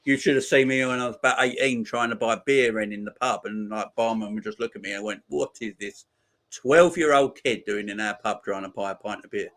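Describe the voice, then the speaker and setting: A man's voice: on the low side, brisk, fairly bright tone. Laid-back man in his forties. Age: 40s. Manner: laid-back banter, laughs often, slangy. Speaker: livestream host. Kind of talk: casual chat reading viewer comments.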